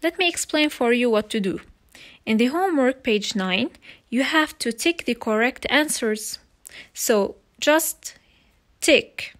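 A woman teaching young children English over slides, slow and patient, repeating each word. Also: a little high, expressive, a bit bright. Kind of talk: recorded slide lesson for children.

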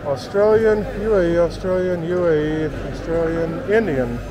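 A man's voice: fairly high pitch, normal speed, noisy background. A man giving casual walking-tour commentary in a market, exclaiming and marveling aloud. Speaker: travel vlogger. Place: indoor market hall.

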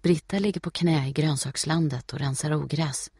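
A man reading a novel aloud as an audiobook narrator, in a steady, measured way. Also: fairly high pitch, gravelly, husky, no echo, clean studio sound.

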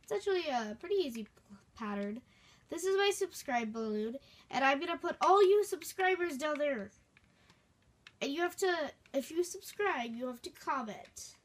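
A woman's voice: sits high, lively intonation, moderate pace. A woman casually chatting as she hosts her own gameplay video, rambling and playful. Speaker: gaming video host.

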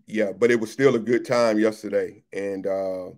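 A man's voice: lowish voice, fairly even intonation, normal speed, darkish tone. Chatty pastor greeting his viewers. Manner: chatty, repeats phrases, greets viewers by name. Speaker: pastor and livestream host. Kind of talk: casual livestream chat reading viewer comments.

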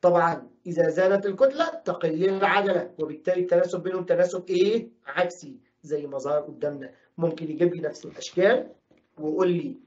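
A brisk male teacher with an Egyptian Arabic accent races through a physics lesson. He fires questions at his students and answers them himself, even voicing their objections. The recording sounds dull and lo-fi. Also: fairly high pitch.

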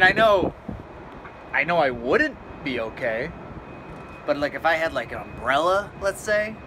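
Man, thirties, casual travel vlog, self-mocking jokes, phone at arm's length, clear music underneath. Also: mid-range voice, low-quality recording. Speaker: vlogger and wrestler. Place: outdoors, hotel, venue and locker room. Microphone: phone camera at arm's length.

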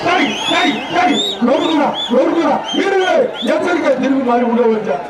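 A man from Tamil Nadu calling out live commentary and shouted warnings at an outdoor bull-taming event, heard through a loudspeaker. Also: very high-pitched, expressive. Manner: shouted warnings and rapid calls. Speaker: event announcer. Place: outdoor festival arena. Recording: echoey loudspeaker from far off, loud crowd. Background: crowd noise.

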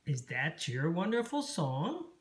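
A reader voicing an eager young male songbird in a read-aloud storybook, with a bright, earnest way of asking. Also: medium pitch, sing-song, slow, roomy sound, distant mic. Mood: curious.

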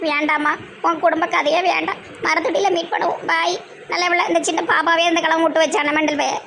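A woman's voice: very high-pitched, steady tone, fast talker, gravelly, noisy background. A woman with a Tirunelveli Tamil accent acting in a comedy sketch, talking in a brash, scolding way.

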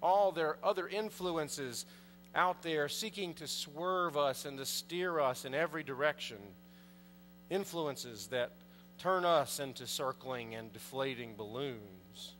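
A man's voice: on the high side, takes it slowly, fairly bright tone, soft background music. A man in his thirties, a priest, preaching a conversational sermon from the pulpit and putting questions to the congregation. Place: large church, indoors. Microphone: pulpit mic, far camera. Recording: long church reverb, faint mains hum.

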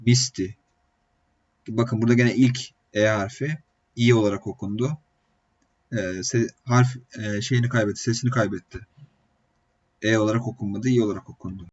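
A man with a low, slightly husky voice teaches a lesson, patiently working through examples and pausing on hesitation sounds. The recording is dull and lo-fi, with the top end rolled off. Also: fairly even intonation, darkish tone. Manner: patient, explains step by step with many "e" fillers. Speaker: language teacher. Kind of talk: online language lesson.

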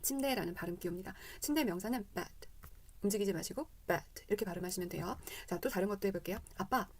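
Brisk Korean woman teaching English vowels. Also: mid-range voice, darkish tone, a little hiss or hum. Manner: demonstrates English vowels with repeated drills. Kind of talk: casual spoken lesson.

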